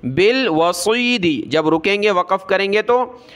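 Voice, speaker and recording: A man teaching Quran recitation letter by letter, spelling out letters and vowel marks, explaining pronunciation rules, and chanting the verses slowly. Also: sits high, fairly bright tone, clear, resonant tone.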